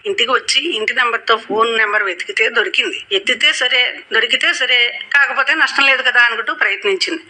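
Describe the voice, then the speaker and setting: A man reading a short story aloud for radio, steady and measured. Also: very high voice, low-quality recording. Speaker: story reader.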